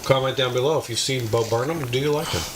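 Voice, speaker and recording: A man's voice: mid-range voice, fast, over a noisy crowd. A man co-hosting a casual podcast chat, cracking jokes, cutting in and swearing freely. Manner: joking, interrupting, crude banter. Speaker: podcast co-host.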